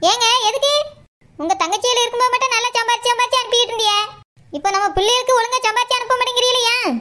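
A woman with a Tirunelveli Tamil accent voices a cartoon drama in a very high, bright, sharp voice. She talks in a tearful, pleading way. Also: fairly even intonation, racing. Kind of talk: cartoon voice acting, doing every role.

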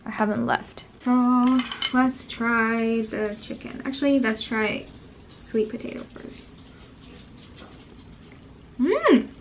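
A woman's voice: a little high, fairly even intonation, slow pace. A young woman chatting casually to her camera in a daily vlog, rambling from one thing to the next. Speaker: vlogger. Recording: noisy handheld vlog audio.

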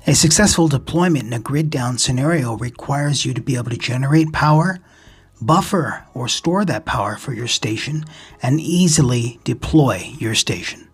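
Music accompanies this voice-over from a man hosting a ham radio hobby tutorial. His voice is mid-range, very husky and breathy, and he walks through the material carefully and methodically.

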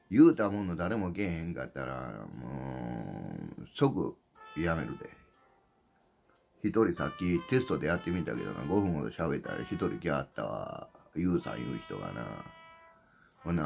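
Gravelly deep-voiced Kansai man. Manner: blunt, rambling, repeats himself. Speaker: YouTuber announcing a livestream. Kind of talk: casual announcement. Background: background music.

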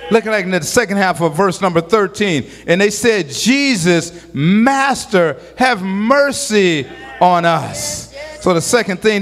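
A man preaching a sermon as a pastor, building to shouted, rhythmic lines full of repetition. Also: high voice. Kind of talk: call-and-response sermon.

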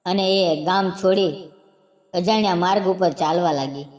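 A woman narrating a scripted story in a slow, solemn storytelling manner. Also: lowish voice, darkish tone. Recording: roomy with long reverb.

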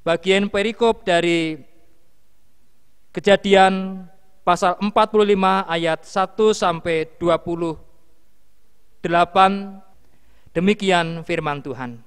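A man, a pastor reading a prayer and scripture in a slow, solemn, measured way. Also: high voice, clear, resonant tone. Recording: long hall reverb.

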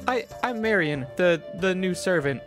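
A man's voice: high voice, expressive, normal speed, music in the background, voice pushed up. Een man die een stotterende, schuchtere jonge bediende speelt. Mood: flustered. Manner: stammering, nervous and polite. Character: timid clueless young male servant.

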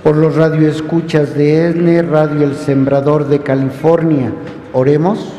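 Man, reading the petitions at Mass, steady formal recitation, mellow dark tone, echoey church with long reverb. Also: a little high, unhurried. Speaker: reader of the prayers of the faithful. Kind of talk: liturgical reading. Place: large church.

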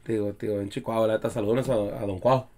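A man's voice: lowish voice, fairly even intonation, racing, dark tone. A man co-hosting a podcast, talking in a slangy, laid-back way. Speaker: podcast co-host. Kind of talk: casual chat.

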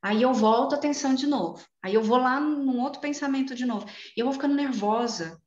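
A woman guest speaker explaining mindfulness in a lively way with personal examples, speaking on a video call. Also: sits high, fast. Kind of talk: explanatory talk in an online meeting. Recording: roomy, dull call audio.

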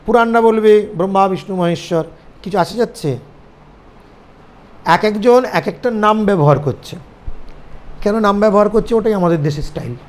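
A man with a Bengali accent delivers a seminar lecture in a high-pitched voice. He explains concepts step by step and keeps asking whether his listeners have understood. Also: brisk, pauses often. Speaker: seminar teacher. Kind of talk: lecture to students.

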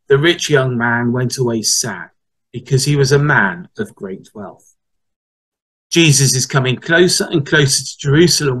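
A man reads scripture and preaches in a measured, deliberate manner. His voice sits a little high for a man. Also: poor audio. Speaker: priest. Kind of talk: scripture reading and sermon.

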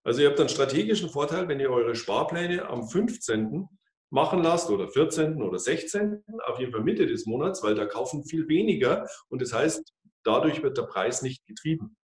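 A man's voice: medium pitch, lively intonation, fairly quick. A man in his fifties, a financial advisor presenting at a whiteboard in an office, explaining with many fillers and restarts. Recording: echoey office, mic far off.

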